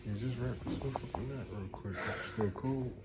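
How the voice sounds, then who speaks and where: A woman keeping a friend company in a hospital room, talking in a slow, teasing, low-key way. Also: very noisy. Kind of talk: casual chat.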